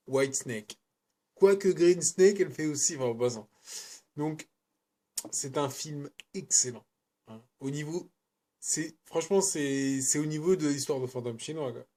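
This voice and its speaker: A man's voice: on the high side, a little slow, dark tone. A man giving a casual, rambling film review, often correcting himself and speaking in slang. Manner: rambling, self-correcting, colloquial.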